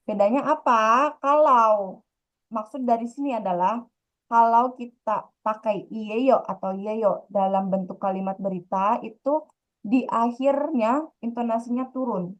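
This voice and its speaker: A woman's voice: a little high, measured pace. A woman teaching a grammar lesson, explaining patiently and repeating her points. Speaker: Korean language teacher. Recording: dull lo-fi sound.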